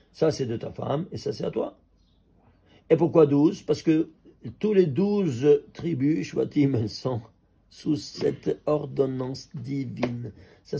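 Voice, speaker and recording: A medium-pitched rabbi with a creaky, husky voice gives an animated Torah lesson. Rhetorical questions keep his listeners on their toes, and he chuckles with excitement whenever the number calculations come up.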